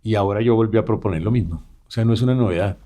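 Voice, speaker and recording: A middle-aged man, answering radio interview questions in a measured, earnest way from a studio. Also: lowish voice, dark tone. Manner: measured, earnest, explaining at length. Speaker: vice president-elect, guest.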